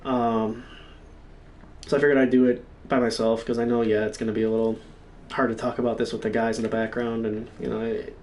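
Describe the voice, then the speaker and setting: A man hosting a gaming channel, telling stories in a rambling, halting way with lots of swearing. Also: medium pitch, flat delivery, darkish tone, far from the mic. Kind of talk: casual solo storytelling stream.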